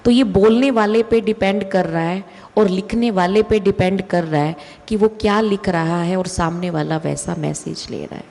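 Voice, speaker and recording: A woman giving a slow, deliberate spiritual talk with emphatic rises in her voice. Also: medium pitch, creaky, darkish tone. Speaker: spiritual speaker. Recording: long hall reverb.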